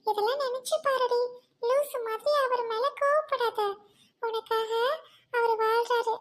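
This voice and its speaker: A woman doing a stern friend lecturing slowly. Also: extremely high pitch, steady tone. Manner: lecturing, slow and firm.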